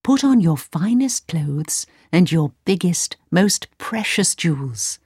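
A woman voicing a determined young male hero in a storybook reading, speaking in a steady, instructive way. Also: lowish voice, slow, husky, no room sound, studio quality, full character voice. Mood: earnest.

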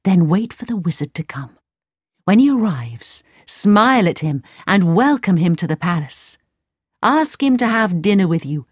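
A woman voicing a determined young male hero in a storybook reading, speaking in a steady, instructive way. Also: lowish voice, normal speed, breathy edge, no echo, clean studio sound. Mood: earnest.

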